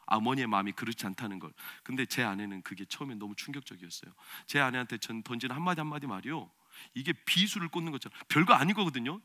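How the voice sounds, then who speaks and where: A man preaching a sermon as pastor, swinging between loud, emphatic preaching and quiet, confiding storytelling. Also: mid-range voice. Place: church sanctuary.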